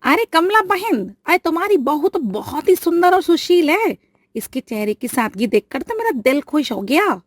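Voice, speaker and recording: Woman doing a gushing neighbourhood lady, shrill and swooping, animated storybook. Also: normal speed, no room sound, faint music behind. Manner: gushing, effusive. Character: chatty, admiring neighbourhood woman. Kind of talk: storybook voice acting.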